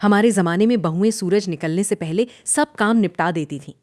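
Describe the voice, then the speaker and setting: A woman voicing a stern, nagging older mother-in-law with sharp, taunting lines in a cartoon story. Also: medium pitch, brisk, no room sound, clean studio sound, lightly acted. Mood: scolding.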